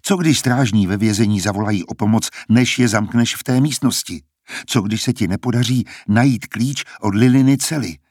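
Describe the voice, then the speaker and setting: A man's voice: fairly low pitch, darkish tone, husky, no room sound, studio quality. A man voicing a cautious young man who keeps questioning a risky plan, in a storybook reading. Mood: worried. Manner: skeptical, questioning.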